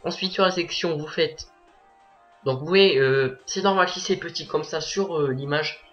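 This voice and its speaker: A teenage boy narrating a software tutorial as a voice-over, hesitant and full of filler sounds. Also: a little high, moderate pace, dull audio, soft background music. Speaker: tutorial maker.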